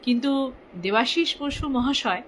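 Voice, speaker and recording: A woman's voice: sits high, slight background noise, rough recording. A woman hosting her own live stream, speaking earnestly and heartfelt about reciting poetry. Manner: earnest, heartfelt, slow and drawn out when reciting.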